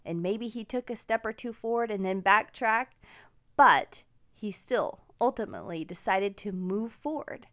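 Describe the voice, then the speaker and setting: A woman's voice: medium pitch, lively intonation, a little slow, a bit bright. A woman in her forties, hosting a podcast and telling personal stories in an upbeat, encouraging way. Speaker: podcast host. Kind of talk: casual personal storytelling.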